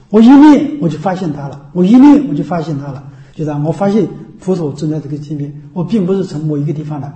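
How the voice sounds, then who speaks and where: A man's voice: high-pitched, dark tone. A man teaching as a Buddhist teacher in a dharma talk. He explains things over and over and keeps checking with his listeners. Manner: repetitive, explanatory. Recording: echoey room.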